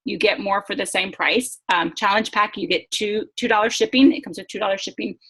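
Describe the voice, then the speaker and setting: An upbeat woman hosts a casual online presentation, chatting and laughing easily. Her mid-range voice is a bit bright and husky, coming through a video-call mic.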